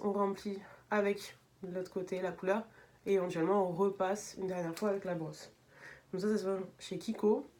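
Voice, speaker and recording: A woman's voice: medium pitch, a little mellow. A young woman hosting a casual makeup tutorial vlog, chatting and explaining each step with frequent fillers. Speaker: beauty vlogger.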